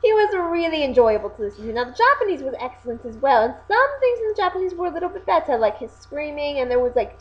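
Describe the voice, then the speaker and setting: On a dull, lo-fi home recording, a high-pitched young woman chats casually as co-host of a video reviewing anime voice acting. Her delivery is animated and excitable, full of self-corrections.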